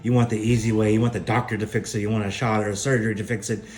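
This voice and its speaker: A man's voice: on the low side, level tone, very fast, a little mellow. A middle-aged man telling a personal spiritual testimony in an earnest, emphatic, preacher-like way. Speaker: spiritual speaker sharing a testimony.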